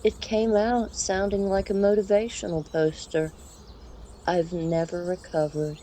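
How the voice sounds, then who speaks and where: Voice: mid-range voice, level tone, unhurried, mellow, a little hiss or hum, voice pushed up, close to an everyday voice, low-quality recording. The narrator voicing a gloomy gothic female cat poet, sighing and melodramatic.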